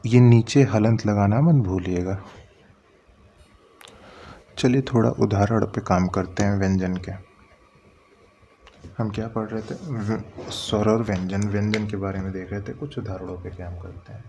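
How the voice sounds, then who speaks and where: Guy teaching grammar real slow, low mellow voice, sounds out each letter, bit of hiss. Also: steady tone. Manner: patient, step-by-step explaining, repeats and sounds out letters. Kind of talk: Hindi grammar lesson.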